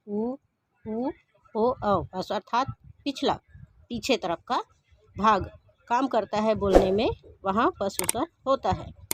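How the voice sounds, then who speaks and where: A woman teaching a Hindi grammar lesson, explaining each point slowly and restating it in simpler words. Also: mid-range voice, no echo. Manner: slow, methodical, repeats each point. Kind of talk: explaining grammar over slides.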